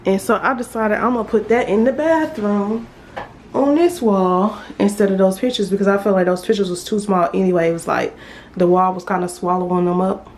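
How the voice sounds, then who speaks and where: A woman's voice: mid-range voice, fairly quick, darkish tone. A woman with a Southern American accent gives a casual, rambling house tour to viewers, thinking aloud as she goes. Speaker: home makeover vlogger. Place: indoors, rooms of a house. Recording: noisy handheld home recording, household ambience. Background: clear background noise.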